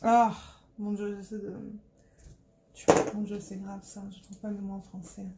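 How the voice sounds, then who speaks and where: A diamond painting vlogger from Marseille, France, talks casually to her phone camera in a Marseille French accent, rambling and searching for words. Her voice is medium-pitched and dark, with a flat delivery, moderate pace, and slight background noise.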